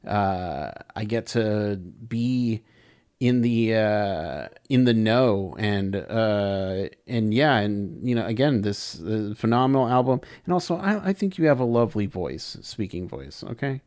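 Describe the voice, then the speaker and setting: A man's voice: lowish voice, animated, unhurried, a little mellow. A man hosting a podcast, chatting casually and effusively, often restarting his phrases. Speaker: podcast host, interviewer. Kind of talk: casual interview chat.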